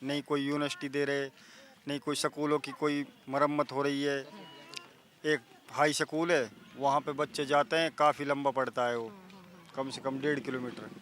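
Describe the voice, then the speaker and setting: A man, a villager answering a reporter outdoors in a measured, articulate way. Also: medium pitch, level tone, a bit bright, a little hiss or hum. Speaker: villager interviewee. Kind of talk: interview answers.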